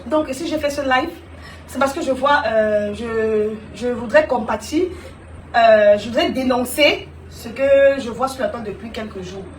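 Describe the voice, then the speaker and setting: High-voiced woman streaming live. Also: a little slow, reverberant, recorded from a distance, a little hiss or hum. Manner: animated, teasing, addresses viewers directly. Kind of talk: live stream monologue to viewers.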